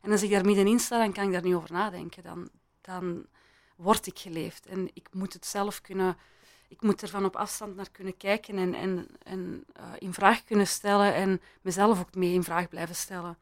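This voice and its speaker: A woman's voice: mid-range voice, steady tone, normal speed. A woman speaking as an interview guest, thoughtful and hesitant, with frequent restarts and laughs. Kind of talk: reflective interview talk. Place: in Belgium.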